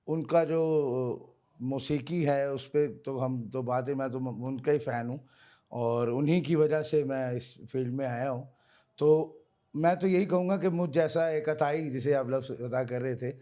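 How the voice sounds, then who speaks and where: A man's voice: medium pitch, dark tone. A male singer from Pakistan, answering interview questions earnestly and respectfully, often calling the host sir. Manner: earnest, repeats honorifics, addresses host as sir. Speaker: singer, guest.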